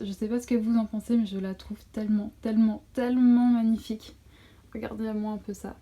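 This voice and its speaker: French woman, kinda high mellow voice, chatty unboxing vlog on her phone. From France. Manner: chatty and enthusiastic, many fillers. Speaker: vlogger unboxing a diamond painting kit. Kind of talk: casual unboxing chat to camera. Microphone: phone camera.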